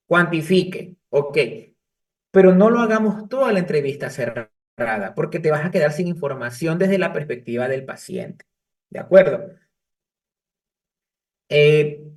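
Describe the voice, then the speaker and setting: A male psychology professor lectures his class in a relaxed, conversational way, often breaking off to restart a sentence. His voice is high, and it is picked up by a microphone placed far from him. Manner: conversational, tells case anecdotes with restarts. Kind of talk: university lecture. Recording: distant mic.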